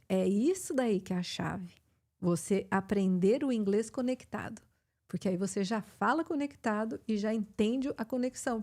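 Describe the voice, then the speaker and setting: Her voice is a little high and a little mellow: a middle-aged woman, an English teacher with a Brazilian Portuguese accent, who explains during a live chat she's hosting, often using fillers and starting over.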